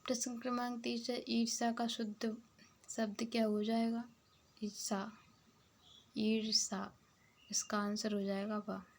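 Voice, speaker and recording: A woman's voice: fairly high pitch, flat delivery, moderate pace, a little hiss or hum. A woman teacher working through exam questions, reading each one out and then explaining the answer. Some of her answers are half-whispered.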